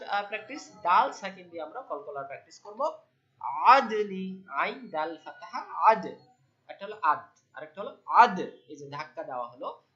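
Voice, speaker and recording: A man teaching Quran pronunciation in an online class, drawing out each word slowly so students can repeat after him. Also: high voice, sharp tone. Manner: slow, drawn-out modeling of words for students to repeat. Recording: dull lo-fi audio.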